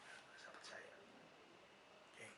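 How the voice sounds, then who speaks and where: Patient male lecturer, echoey distant room. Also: slow. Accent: Indonesian. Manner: patient, asks rhetorical questions and answers them, frequent "ya" fillers. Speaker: nursing lecturer. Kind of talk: explanatory lecture conversation. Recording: roomy, distant mic, noisy background.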